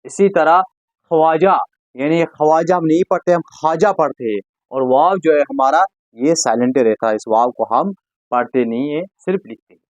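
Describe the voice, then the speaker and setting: A man's voice: fairly high pitch, dry recording, lo-fi sound. A man teaching an exam-prep language lesson, asking questions and answering them himself, with frequent reminders to remember key points. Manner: slow, patient, repeats key points with "yaad rakhiyega". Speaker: Urdu teacher.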